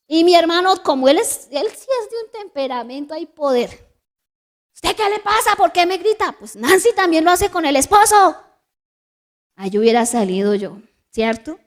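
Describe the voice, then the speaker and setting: A Colombian woman pastor preaching a sermon in church. She tells a personal story, slips into soft asides and then rises for emphasis. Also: high-pitched. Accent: Colombian Spanish.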